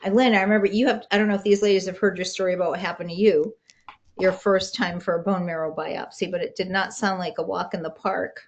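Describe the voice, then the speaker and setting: A woman's voice: medium pitch, steady tone, quick pace, highs cut off. A woman moderating a support group over a video call, chatty and wry, asking the others questions. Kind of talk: casual chat.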